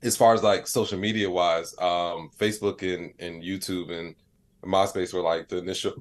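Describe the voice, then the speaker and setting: As an interview guest on a podcast, a male comedian talks casually and reflectively, often dropping in "like" and "you know." He has a low voice, fairly even intonation, and a normal speaking speed.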